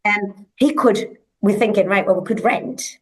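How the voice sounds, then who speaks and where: A woman's voice: medium pitch, a little slow. A woman in her forties with a Geordie accent, a language teacher talking on a video call in a chatty, rambling way full of restarts and "you know what I mean?". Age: 40s. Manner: chatty, rambling, many restarts and tag questions. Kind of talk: casual video call conversation.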